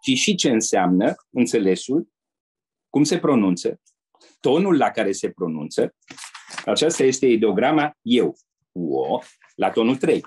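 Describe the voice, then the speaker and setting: An older man from Romania, a retired diplomat, telling anecdotes as a guest in an interview in a measured way. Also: mid-range voice, very animated, darkish tone, breathy edge. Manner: measured storyteller who acts out quoted people.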